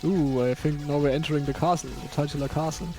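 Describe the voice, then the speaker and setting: Rapid, playful stream commentator, slightly high voice, calling the action. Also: male voice, steady tone, dark tone. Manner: quick, playful play-by-play. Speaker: replay commentator. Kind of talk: casual live commentary. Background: game music.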